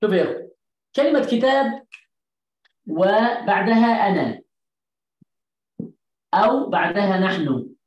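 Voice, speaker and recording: A woman teaching an Arabic class, explaining patiently with repetition and stretching out word endings slowly so students can hear them. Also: mid-range voice, lively intonation, darkish tone. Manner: slow, drawn-out enunciation of word endings. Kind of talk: language lesson. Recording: echoey room.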